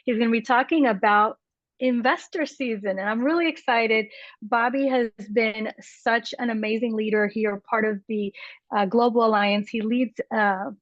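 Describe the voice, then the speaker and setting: A woman's voice: fairly high pitch, fairly even intonation, moderate pace, no room sound. A woman hosting a weekly call, enthusiastically introducing a guest speaker with fillers. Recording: dull, dry call audio.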